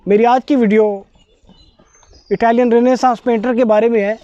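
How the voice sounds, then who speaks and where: Mellow-voiced man explaining unhurriedly. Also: very high voice, fairly even intonation, moderate pace, dry recording. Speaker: video presenter on art history. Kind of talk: casual explanatory monologue. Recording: dull lo-fi dry recording.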